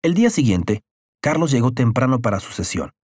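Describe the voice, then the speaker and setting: A man's voice: medium pitch, very animated, brisk, a little mellow, husky, no room sound. Man reading a story aloud, dry sound. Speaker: narrator. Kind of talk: scripted story narration.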